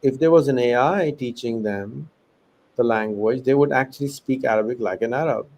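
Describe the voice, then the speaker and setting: A man from Pakistan, speaking non-native English with an American lean, talks at medium pitch and normal speed on a muffled recording. He's an education founder on a podcast, sincerely explaining his views in a relaxed interview. He lists examples, often restarting and using fillers.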